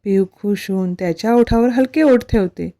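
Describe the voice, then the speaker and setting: A woman narrating a romance story in a steady, expressive reading. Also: mid-range voice, normal speed.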